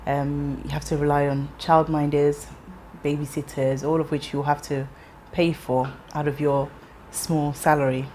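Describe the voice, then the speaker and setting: In a personal life story interview, an English-raised woman in her thirties reflects aloud, her low voice staying steady. Ums and restarted phrases break up her speech, and faint background hiss can be heard.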